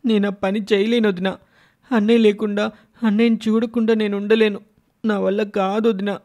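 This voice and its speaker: A man's voice: high voice, flat delivery, fairly quick, a little mellow, voice pushed up. A man voicing a meek, hungry young village boy who pleads and whimpers in a cartoon story. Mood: tearful.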